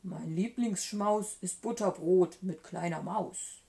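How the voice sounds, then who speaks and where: A woman voicing a big, gruff, slow-witted monster in a children's storybook reading. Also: on the low side, warm tone.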